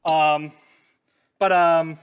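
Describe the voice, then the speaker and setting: A man hosts a casual podcast chat, talking loosely with plenty of ums and short laughs. His voice sits a bit high for a man. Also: level tone, smooth. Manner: chatty, fills pauses with ums and laughs. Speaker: podcast host.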